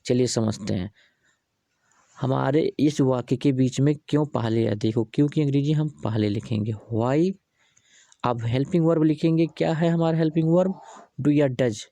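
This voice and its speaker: A man's voice: mid-range voice, normal speed, vocal fry, warm tone, no room sound. A man teaching English grammar, going through examples step by step and asking himself rhetorical questions.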